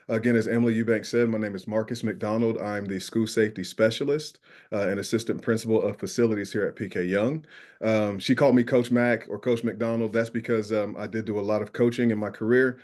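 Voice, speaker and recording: A man from New York with a Southern drawl, a school safety specialist presenting a webinar, earnest and filling pauses with "uh". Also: lowish voice, a little mellow. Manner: earnest, many "uh" fillers.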